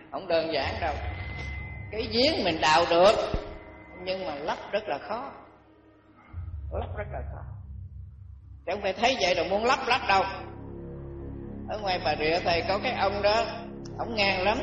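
A fairly high-voiced man tells a folksy cautionary tale as a Buddhist monk, acting out each character in turn. He sounds distant in an echoey room, the recording is dull, and faint music plays behind him. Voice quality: folksy, animated storytelling with acted voices. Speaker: Buddhist monk giving a dharma talk. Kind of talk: storytelling sermon.

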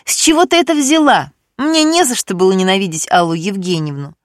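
A woman voicing a tearful, desperate young fiancée who pleads in a high, crying voice in an audiobook. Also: lively intonation, a little fast, no room sound, studio quality, close to an everyday voice. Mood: pleading.

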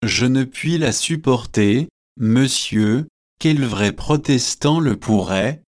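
A man reading aloud the lines of a fanatical, excitable preacher in a slow, measured way. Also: mid-range voice, dry recording, studio quality, natural voice. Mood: indignant.

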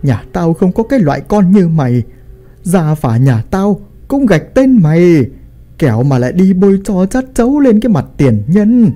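A man voicing a strict, furious old grandfather who shouts and scolds his son. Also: mid-range voice, fast talker, close to an everyday voice. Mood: enraged.

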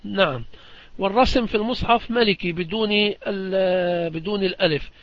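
A man from Palestine teaching a lesson on Quran recitation, explaining patiently and chanting example verses slowly, often asking whether it is clear. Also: high voice, dry recording, highs cut off. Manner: demonstrates recitations slowly and with emphasis, repeats phrases. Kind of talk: religious lesson on Quranic readings.

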